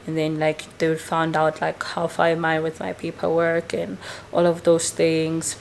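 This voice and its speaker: A woman's voice: low voice, monotone, unhurried, vocal fry, slight background noise. A woman who teaches English, chatting casually to camera as she tells a long story and often tacks a questioning "right?" onto her sentences. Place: indoors, lawnmower outside.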